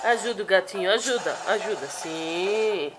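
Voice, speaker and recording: A woman's voice: medium pitch, normal speed. A woman filming her baby at home on a handheld phone, coaxing him in repetitive, sing-song baby talk. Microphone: handheld phone camera.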